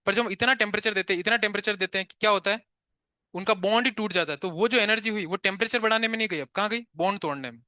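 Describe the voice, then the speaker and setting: A man teaching physics to a live class, chatty and quick to tell students to stop talking and pay attention, mixing English terms into his Hindi and asking questions he answers himself. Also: sits high, sharp tone, no room sound.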